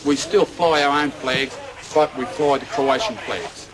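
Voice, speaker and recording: A man from Australia, speaking bluntly and excitedly as a volunteer soldier in a frontline field interview outdoors. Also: mid-range voice, a little slow, poor audio. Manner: blunt, excited, switching mid-sentence. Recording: archive field recording with crowd noise.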